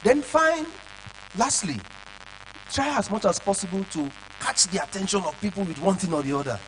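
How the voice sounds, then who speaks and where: A man lecturing children on public speaking, animated and checking often that they follow along. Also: sits high, moderate pace, a little hiss or hum, rough recording.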